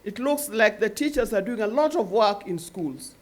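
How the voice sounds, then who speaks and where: A woman's voice: medium pitch, animated, moderate pace, a little mellow. An older woman, a grandmother, giving an earnest speech at a charity event and urging parents to care for their children. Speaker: guest speaker.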